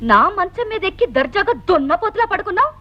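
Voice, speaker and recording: A woman's voice: very high-pitched, very animated, quick pace, sharp tone, heavily acted. An actress playing a fiery young wife who scolds and hurls insults at her husband. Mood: scolding. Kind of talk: film comedy dialogue. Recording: dull lo-fi film audio with audible hiss.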